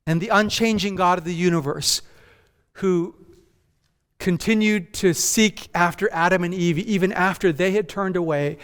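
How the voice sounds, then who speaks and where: A man born in Japan and raised in North America, preaching a measured, emphatic conference sermon as senior pastor that builds through repeated phrases. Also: sits high, a bit bright, clean tone. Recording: long hall reverb.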